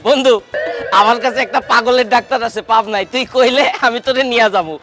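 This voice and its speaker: An actor playing a mocking young male friend who teases loudly, in a comic drama. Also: very high-pitched, steady tone, fast talker, over music. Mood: scornful. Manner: teasing, mocking, loud.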